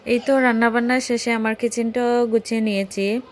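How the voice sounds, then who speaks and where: A woman with a Bangladeshi accent narrates casually over her home cooking vlog, her voice a little high, steady in tone, and a little fast. It's a home recording with clear background noise.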